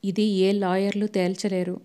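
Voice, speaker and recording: A woman reading the part of an agitated young husband who snaps back in quick, heated retorts. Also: mid-range voice, little pitch movement, warm tone, close to an everyday voice. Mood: angry.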